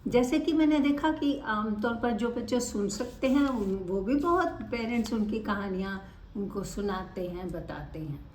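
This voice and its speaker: A woman auditory-verbal therapist giving an instructional talk to parents, deliberate and expressive, stressing key words. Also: medium pitch, echoey room, distant mic, a little hiss or hum.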